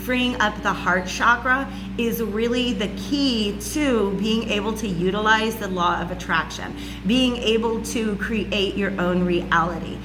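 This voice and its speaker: In a warm room at home with a fan running, a loud, raspy woman who hosts a spiritual channel gives a casual teaching monologue. Her mid-range voice moves a little slowly with few pauses, and she chats freely, often saying "okay?" and "all right?". A steady hum runs through the home recording.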